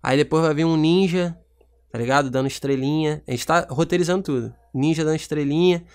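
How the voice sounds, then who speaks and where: A young man with a Brazilian accent rambling through a joking pitch for a film in a prank phone call. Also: brisk, a little mellow, clear, resonant tone. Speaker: YouTuber.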